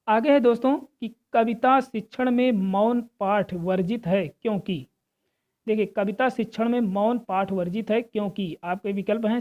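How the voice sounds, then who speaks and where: A woman's voice: mid-range voice, lo-fi sound. A woman teaching exam preparation, reading out multiple-choice questions and steadily explaining each answer while addressing viewers as friends.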